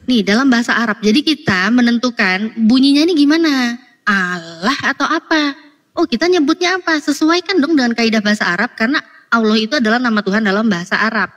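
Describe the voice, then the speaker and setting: Woman on a video call, insistent, lecturing, exasperated, fairly high voice. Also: animated, fast, fairly bright tone. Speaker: debater. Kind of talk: heated online debate.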